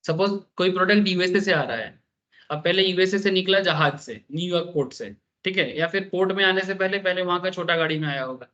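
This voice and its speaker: A man lectures a class on business law in a high voice, telling anecdotes and checking that the students follow. He talks in a chatty, storytelling way and mixes in English terms. The recording is dull and lo-fi. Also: brisk, sharp tone. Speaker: teacher.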